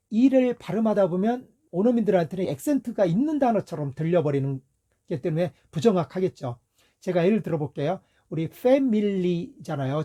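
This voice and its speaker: A middle-aged Korean man teaching English pronunciation calmly, saying each word two ways to contrast them. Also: high-pitched. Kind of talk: explanatory lesson.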